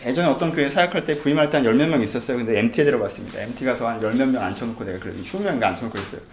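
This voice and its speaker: Male pastor, fast and lively delivery, preaching with rhetorical questions in a roomy hall. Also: medium pitch, a little hiss or hum. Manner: rhetorical questions to the congregation, shifting between hushed and emphatic. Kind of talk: sermon.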